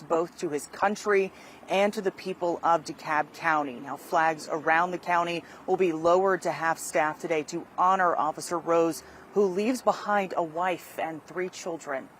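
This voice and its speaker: Female field reporter, slightly low register, scripted news delivery, faint traffic behind. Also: measured pace. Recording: light outdoor traffic noise.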